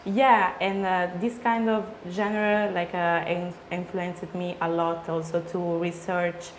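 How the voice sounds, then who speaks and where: A woman from Spain, a DJ guest answering interview questions in halting English with many fillers. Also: lowish voice, flat delivery. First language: Spanish or Italian. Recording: echoey room, faint noise.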